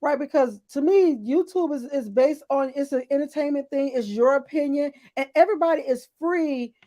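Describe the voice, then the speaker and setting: A woman's voice: high voice, moderate pace, dark tone. A middle-aged woman co-hosting a casual chat, talking bluntly and emphatically, with lots of agreeing interjections. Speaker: co-host.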